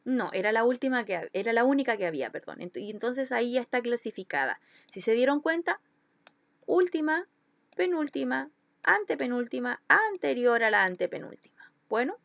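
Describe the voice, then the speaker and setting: A woman's voice: on the high side, sing-song, normal speed, creaky, fairly bright tone, no room sound, lo-fi sound. A woman schoolteacher, giving a recorded lesson to children and patiently stretching out syllables to show where the stress falls.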